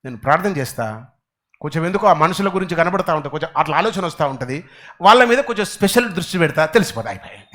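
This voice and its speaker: High, bright-voiced preacher man with a lilt. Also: lively intonation, fast. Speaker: pastor. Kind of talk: Telugu church sermon.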